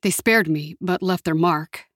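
A woman's voice: fairly low pitch, unhurried, a bit bright, no room sound, clean studio sound. Woman reading a blunt, tough young man. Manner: blunt, coarse.

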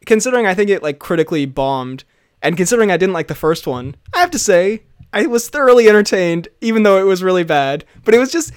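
A man's voice: sits high, lively intonation, fast, clear, resonant tone, no room sound, studio quality. A man co-hosting a podcast in casual chat, rambling and laughing often. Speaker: podcast co-host.

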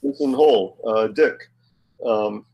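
A man playing a tabletop game, talking hesitantly with many pauses and fillers. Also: fairly low pitch, creaky, highs cut off. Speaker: player. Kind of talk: casual game play.

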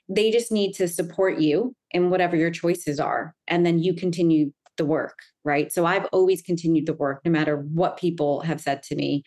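A middle-aged woman with a slightly low voice tells her story earnestly as an interview guest. She talks fluently and keeps checking in with her listener by asking "right?". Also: a little mellow. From United States. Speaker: guest, anxiety coach. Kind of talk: conversational interview.

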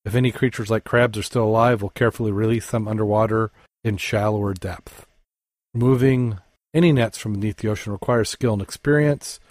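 Low-voiced man reading dive news. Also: a little mellow, dry recording. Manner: halting, with fillers and self-corrections. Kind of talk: casual news reading and chat.

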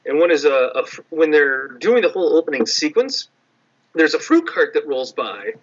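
Man, podcast co-host, casual chat, tangent-prone, slightly high voice, muffled recording. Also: sing-song, moderate pace, breathy edge. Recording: dull lo-fi sound.

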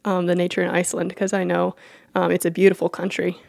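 A woman's voice: fairly low pitch, monotone, quick pace, creaky, a little mellow, no room sound, clean studio sound. A woman podcast host who reads her show's announcements and introduction, then chats with a guest, talking in a chatty way, apologizing and laughing easily. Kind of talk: scripted podcast intro and casual interview.

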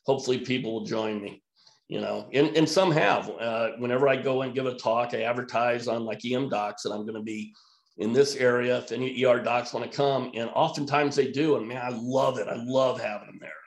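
A man who works as an emergency physician speaks as a podcast guest, blunt and emphatic, at a middle pitch. His voice carries a noticeable room echo. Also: a little fast. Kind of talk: podcast conversation.

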